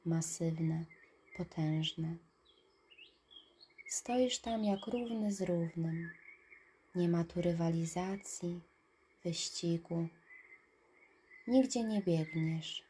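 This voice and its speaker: A woman narrating a guided relaxation in a soft, calm voice that trails into breathy whispers. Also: lowish voice, a little hiss or hum. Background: birdsong and nature ambience.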